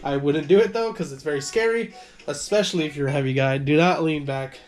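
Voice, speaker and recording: A man's voice: on the high side, brisk. A man giving a casual tour of his gaming room, rambling and correcting himself as he goes, coughing now and then and short of breath. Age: adult with a son. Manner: rambling, self-correcting, apologetic. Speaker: gaming channel creator.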